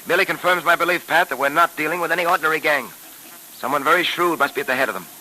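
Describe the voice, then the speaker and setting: An actor playing a confident police detective in 1940s radio drama style, giving clipped, decisive orders. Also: male voice, on the high side, rapid-fire, bright, forceful tone, a little hiss or hum, poor audio. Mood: reasoning. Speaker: detective lead.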